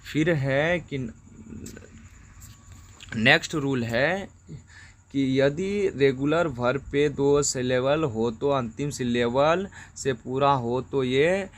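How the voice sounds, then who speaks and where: A man with a Bihari accent teaching grammar rules, speaking in a slow, methodical way and repeating each example word twice. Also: mid-range voice. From India. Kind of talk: explaining grammar rules to students.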